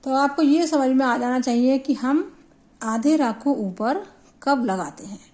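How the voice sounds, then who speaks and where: A woman whose voice sits high but has a darkish tone teaches Hindi grammar. Her explanations are slow and deliberate, and she spells syllables out for the students.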